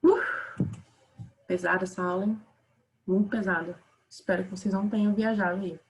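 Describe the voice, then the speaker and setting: A woman's voice: mid-range voice, fairly even intonation, brisk, background noise. A woman with a Brazilian Portuguese accent teaching a casual online grammar lesson, chatting with her students.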